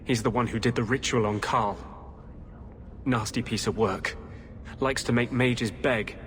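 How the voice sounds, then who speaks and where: Male actor as a troubled rebel mage, intense, idealistic, brooding, mid-pitched, video game, faint background noise. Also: steady tone, measured pace, fairly bright tone, lightly acted. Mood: urgent earnest. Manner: urgent, earnest, brooding.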